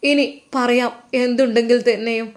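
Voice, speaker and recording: A woman's voice: fairly high pitch, little pitch movement, normal speed. A woman narrating an emotional story in a dramatic, sentimental way.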